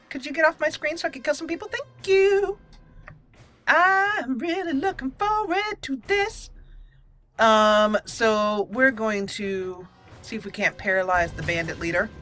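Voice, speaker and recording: A woman running a gameplay channel hosts a roleplay game playthrough in a bright, forceful, fairly high voice. Giggly and theatrical, she alternates between commenting and speaking in character, with faint game music in the background.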